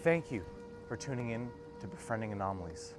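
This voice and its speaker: A man's voice: on the low side, animated, fairly quick, over music, close to an everyday voice. A young man playing a solemn monster-befriending presenter in a parody TV promo. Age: young adult.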